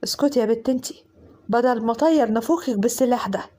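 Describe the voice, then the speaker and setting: A woman's voice: fairly high pitch, fast, mellow, natural voice. A woman doing a menacing young cousin. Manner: harsh, menacing orders. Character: threatening young male cousin holding a weapon.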